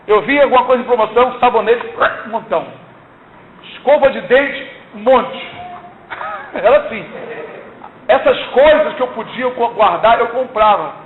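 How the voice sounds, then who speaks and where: A man's voice: very high voice, moderate pace, long pauses. An older man giving an earnest, exhorting church testimony, often asking "não é?". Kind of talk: sermon-like testimony. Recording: tinny lo-fi recording in echoey room, faint hiss.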